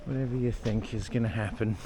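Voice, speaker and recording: Camera in hand, a young Australian man does a casual walk-and-talk vlog through old-town streets, rambling along with the occasional swear word. He speaks briskly in a lowish voice with fairly flat intonation, over clear sounds of traffic and the street.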